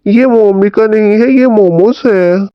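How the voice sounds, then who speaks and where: A man's voice: high-pitched, measured pace, smooth, no echo, highs cut off. A man voicing a chatty, kindhearted young momo seller in a cartoon story, exclaiming and grumbling as he talks.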